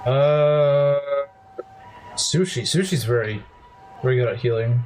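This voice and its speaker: A young man casually commentating a video game, quick to complain and laugh. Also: medium pitch, noisy background. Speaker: let's play host.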